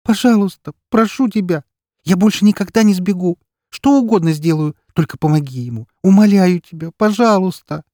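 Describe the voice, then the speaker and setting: A man's voice: high voice, lively intonation, normal speed, dark tone, no room sound, studio quality, pitched above the performer's own voice. A man voicing a desperate young woman begging her grandfather for help, in an audiobook. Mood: pleading. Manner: begging, tearful pleading.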